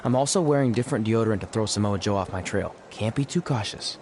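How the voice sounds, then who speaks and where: A man's voice: lowish voice, fast talker, a little mellow, a little hiss or hum, lightly acted. A man voicing a jumpy, paranoid young male wrestler in a game cutscene, defensive and boastful.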